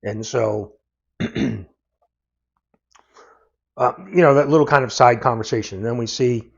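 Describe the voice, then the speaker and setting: A man's voice: mid-range voice, measured pace, vocal fry, slightly rough. A man giving a casual comic book review, recapping the plot in a loose, meandering way. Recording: dull lo-fi audio.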